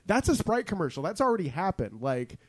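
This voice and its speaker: A man's voice: high-pitched, big pitch swings, a little fast, a little mellow, breathy edge, no room sound. A man hosting a podcast in casual chat, rambling and joking, acting out lines from ads. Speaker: podcast host.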